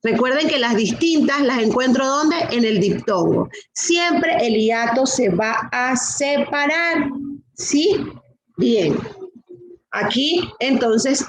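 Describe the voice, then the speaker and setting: A middle-aged woman teaching a class, speaking slowly and patiently and repeating rules and questions to her students. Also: a little high, slight background noise, low-quality recording. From Latin America. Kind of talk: online class lesson.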